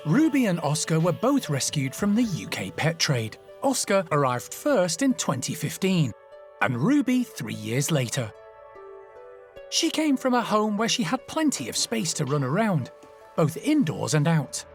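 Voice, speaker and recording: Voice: mid-range voice, big pitch swings, unhurried, soft background music. A documentary narrator reading scripted nature documentary narration about animals.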